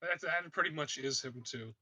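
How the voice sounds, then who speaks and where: A man playing a tabletop game, explaining a character's backstory in quick asides. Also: a little high, pushed and bright, husky. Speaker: player. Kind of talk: casual tabletop play.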